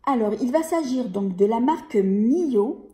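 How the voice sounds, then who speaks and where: A woman with a fairly high but mellow voice chats through a beauty unboxing. She hesitates often, trailing on fillers and starting phrases over. The room around her is echoey. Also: lively intonation, measured pace. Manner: hesitant, many fillers and restarts. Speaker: beauty vlogger. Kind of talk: casual product unboxing.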